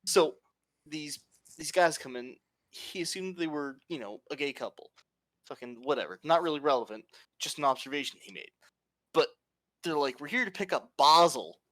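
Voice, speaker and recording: Man co-host, slightly high voice, dry close sound, profane storyteller. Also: normal speed, long pauses, a bit bright, no room sound. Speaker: podcast co-host. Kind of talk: casual chat.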